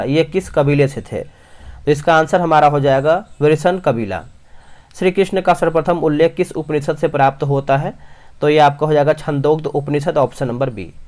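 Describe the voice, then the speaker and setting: Young male tutor, slightly high voice, rushes through exam questions with many restarts. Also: darkish tone. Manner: rapid, frequent restarts, addresses viewers as friends. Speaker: quiz teacher. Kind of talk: fast exam-prep quiz reading.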